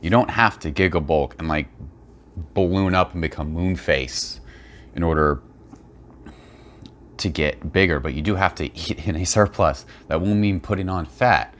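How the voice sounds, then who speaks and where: A man's voice: sits low, normal speed, pauses often, a little hiss or hum. A man speaks off the cuff. He is blunt and opinionated, explaining his points in the style of a response video from a fitness creator. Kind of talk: unscripted response-video commentary.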